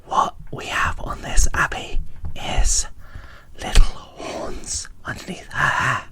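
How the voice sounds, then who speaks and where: The host of a doll unboxing video speaks in a slow, airy whisper, ASMR-style, pointing out each little detail along the way.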